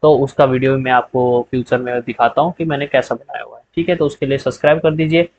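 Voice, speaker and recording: A man with a voice of middle pitch explains a spreadsheet tutorial step by step over a screen recording. His delivery is relaxed and repetitive, checking in with a quick "okay" as he goes. The recording sounds a little dull and lo-fi. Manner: relaxed step-by-step explaining, repeating "theek hai" often. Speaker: tutorial host.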